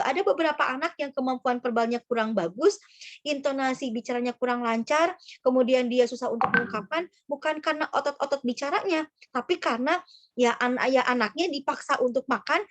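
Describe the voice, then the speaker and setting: High-voiced psychologist, dry. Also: female voice, dry recording. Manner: informal, many fillers and restarts. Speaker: school psychologist. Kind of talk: parenting talk to mothers.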